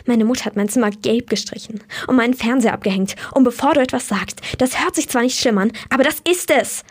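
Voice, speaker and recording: A woman's voice: on the high side, fairly even intonation, quick pace, darkish tone, husky. A young woman voicing an anxious, troubled teenage girl in a read-aloud story.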